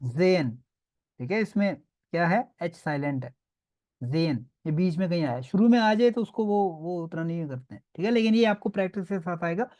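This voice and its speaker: A man's voice: high-pitched, lively intonation, moderate pace, a little mellow. Patient male teacher drilling pronunciation. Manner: patient, drilling, checks in with "okay?" often. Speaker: language teacher. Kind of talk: online class lesson.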